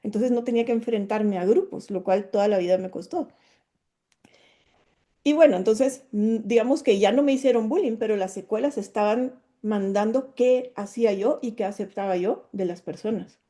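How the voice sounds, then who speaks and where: A middle-aged woman from Guatemala, a psychologist, telling her own story in an earnest, expressive way. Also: mid-range voice, normal speed. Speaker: psychologist and speaker. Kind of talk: personal testimony talk.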